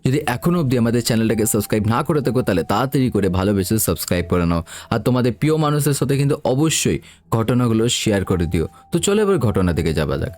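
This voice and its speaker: A man's voice: lowish voice, very animated, fast, darkish tone. A man who tells a first-person story in a chatty way and speaks straight to his listeners. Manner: chatty, addresses listeners directly. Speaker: podcast storyteller.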